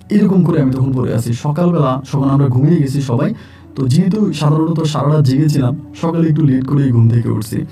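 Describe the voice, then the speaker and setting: A man recounts a supernatural tale in the first person, repeating lines for effect. His voice is pitched a bit high yet sounds very mellow and dark. He sits away from the mic while faint music plays beneath. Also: distant mic. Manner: repetitive, dramatic retelling, addresses listeners. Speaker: storyteller.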